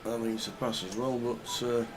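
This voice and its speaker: A man's voice: mid-range voice, steady tone, brisk. Man calling poker over crowd noise. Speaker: poker commentator. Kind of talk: live tournament commentary.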